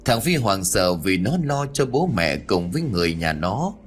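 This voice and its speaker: A man narrating a ghost story audiobook in an expressive, dramatic way. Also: low-pitched, normal speed, slight background noise.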